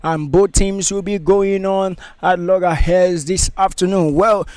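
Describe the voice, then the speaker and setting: A man giving pre-match football commentary, formally reading out a team list in a steady rhythm. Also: high voice, measured pace, clear, resonant tone, dry recording.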